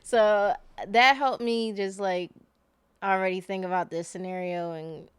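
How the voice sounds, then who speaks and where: Smooth-voiced woman telling her story. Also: medium pitch, steady tone, measured pace, no room sound. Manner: rambling, many "like"s and self-corrections. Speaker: podcast guest. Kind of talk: casual personal storytelling.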